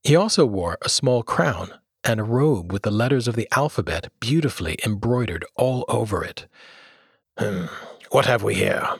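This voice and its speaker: A man reading a children's story aloud as narrator, expressive and lively. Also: mid-range voice, moderate pace, hardly any pauses, husky, no echo, clean studio sound. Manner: expressive storyteller, voices characters. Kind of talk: audiobook reading.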